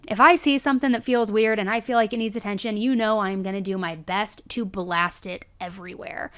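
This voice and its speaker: Fired-up woman hosting a true-crime podcast. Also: medium pitch. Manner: emphatic and fired-up. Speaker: podcast host. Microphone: podcast microphone.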